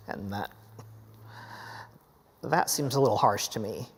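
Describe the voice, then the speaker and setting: A man in his late thirties speaking in a documentary clip, halting often with fillers as he thinks. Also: fairly low pitch, slightly rough, big-room sound. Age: 30s. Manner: halting, many pauses and fillers.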